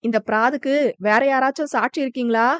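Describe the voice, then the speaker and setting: A woman's voice: fairly high pitch, steady tone, a little fast, clean tone, no echo, close to an everyday voice. A woman voicing a stern older village headman who runs the council in a commanding way. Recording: dull, dry lo-fi recording.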